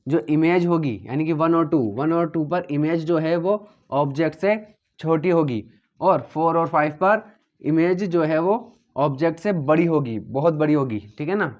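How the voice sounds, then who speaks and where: A man walks his students through a physics lesson step by step, going back over each point and checking often that they follow. His voice sits a little high. The recording sounds dull and lo-fi. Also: moderate pace. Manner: steady and repetitive, checking understanding often. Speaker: teacher.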